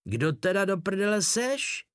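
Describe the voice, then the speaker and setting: Brief: man voicing an old gruff sergeant, weary and exasperated. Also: mid-range voice, expressive, a bit bright, dry recording, clean studio sound. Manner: tired, exasperated.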